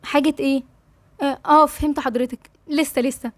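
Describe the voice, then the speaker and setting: A woman's voice: high voice, fairly even intonation, quick pace, no room sound, natural voice. A woman with an Egyptian accent voicing a shaken young wife. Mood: evasive. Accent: Egyptian Arabic. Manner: pleading, emotional.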